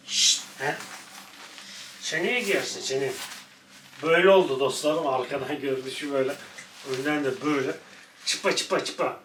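A man's voice: mid-range voice, moderate pace, long pauses, fairly bright tone. A man vlogging at home with his dog, playfully chatting to viewers and scolding the dog in between. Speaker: pet vlogger. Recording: echoey room, mic at a distance, faint noise.

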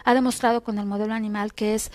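A woman's voice: medium pitch, little pitch movement, quick pace, darkish tone, a little hiss or hum. A Mexican woman doctor giving health advice on a TV interview, explaining numbered points and often ending with tag questions. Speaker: doctor guest.

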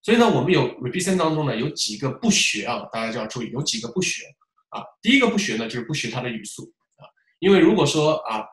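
A man lecturing as a test-prep teacher, lively and full of rhetorical questions as he demonstrates examples aloud. His voice sits in a middle pitch. The recording carries a roomy echo. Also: fast talker. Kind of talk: classroom-style lecture.

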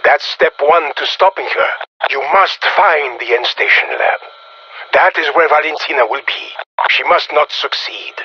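An actor playing a stern, disdainful Russian colonel in a video game, giving curt, menacing orders in a Russian accent over a military radio. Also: male voice, a little high, unhurried, breathy edge, highs cut off. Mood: commanding. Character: stern, disdainful Russian colonel, a scheming Cold War commander. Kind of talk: video game character voicelines.

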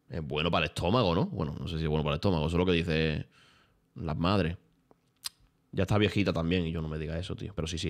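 A young man, streaming and telling stories in casual chat, full of slang and swearing. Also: sits low. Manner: animated storytelling with lots of slang and swearing.

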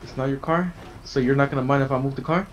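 A man's voice: medium pitch, fast. A man playing a police negotiator in a game roleplay, coaxing and casual in tone. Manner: coaxing, casual street talk. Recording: dull lo-fi mic with faint noise.

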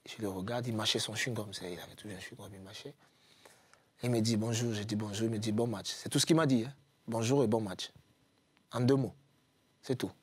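A man's voice: fairly low pitch, a little fast, long pauses, husky, dry recording. A man from Cameroon, a guest footballer, telling anecdotes in a casual chat and acting out what his coaches said. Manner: animated anecdotes, acts out quoted coaches. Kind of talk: casual storytelling.

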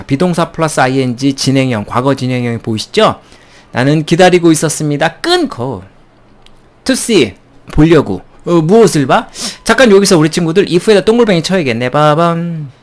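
A man teaching an English textbook lesson in a playful, animated way, with chuckles between points. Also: fairly high pitch. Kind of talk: recorded textbook lecture.

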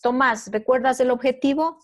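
A woman's voice: high-pitched, normal speed. A middle-aged woman teacher, patiently explaining a review lesson step by step and checking in with her students. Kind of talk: online class review.

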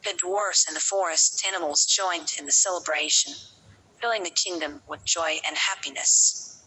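A woman narrating a children's fairy tale as a storyteller, reading slowly and evenly. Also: on the low side, bright, forceful tone, a little hiss or hum, rough recording.

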